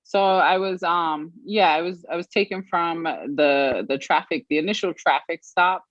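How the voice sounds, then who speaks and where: A woman from Australia giving an earnest personal account as an interview guest, pausing often with fillers. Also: on the low side, no echo. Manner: earnest, measured, with frequent pauses and fillers. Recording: dry, slightly muffled stream audio.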